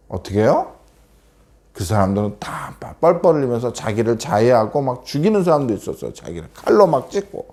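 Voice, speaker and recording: A man's voice: mid-range voice, darkish tone. A man giving a children's sermon, telling a story and constantly asking the children questions. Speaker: children's preacher.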